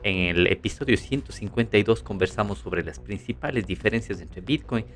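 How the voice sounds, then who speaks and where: A man with a fairly low voice opens his podcast in a loose, conversational way. He talks casually with the odd filler, and soft music plays faintly behind him. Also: brisk. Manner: relaxed, chatty, with fillers. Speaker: podcast host. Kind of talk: casual spoken podcast intro.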